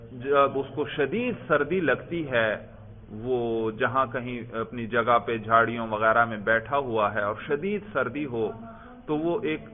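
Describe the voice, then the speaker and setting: A male teacher giving a classroom grammar lesson, explaining patiently, repeating key words and quizzing his students. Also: mid-range voice. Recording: tinny phone-like audio.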